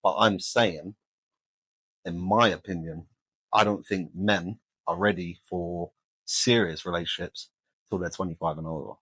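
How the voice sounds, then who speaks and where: A man's voice: low voice, fairly even intonation, a little slow, fairly bright tone, husky, dry recording, poor audio. A man, talking casually and colloquially as a podcast co-host, giving his opinions.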